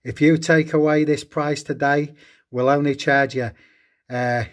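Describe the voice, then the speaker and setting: A man's voice: fairly high pitch, steady tone, measured pace, close to an everyday voice. A man voicing a pushy male American used-car salesman in a put-on American accent, rattling off prices full of nines. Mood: salesy, hamming.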